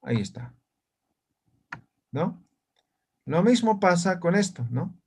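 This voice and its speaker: A man's voice: sits high, sing-song, takes it slowly, a little mellow, breathy edge. A man teaching an online language lesson, explaining step by step and often checking understanding with short tag questions.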